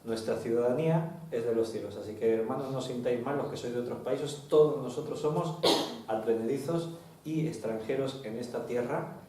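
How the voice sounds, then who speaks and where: Pastor, Spanish accent, teaching tone, dark voice, recorded from afar in an echoing church hall. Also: male voice, medium pitch, a little fast. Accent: Spain. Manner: teaching, asks the congregation questions. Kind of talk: Bible study sermon. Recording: very echoey hall, distant mic.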